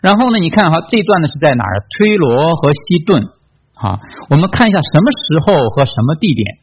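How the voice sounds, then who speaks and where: A man's voice: on the high side, sing-song, brisk, lo-fi sound, background noise. A man preaching a Bible study in a conversational way, reading scripture aloud and asking his listeners questions. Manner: conversational, many tag questions and fillers.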